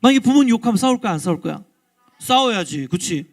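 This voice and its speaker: High-voiced pastor telling a lively story. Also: male voice, quick pace, soft background music. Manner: lively, interactive, asks the congregation questions. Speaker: guest pastor. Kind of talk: all-ages sermon with storytelling.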